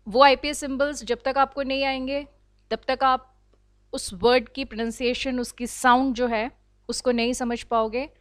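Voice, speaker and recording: A woman with an Indian accent teaching an online English class, explaining slowly and deliberately and mixing in English phrases. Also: sits high, steady tone, fairly bright tone, no echo. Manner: slow, deliberate explaining, switching between Hindi and English. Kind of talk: online lecture.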